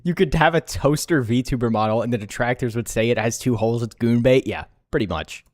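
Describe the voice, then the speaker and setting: A man's voice: medium pitch, a little fast, a little mellow, no room sound, studio quality. A young man doing live reaction commentary as a streamer, incredulous and laughing often.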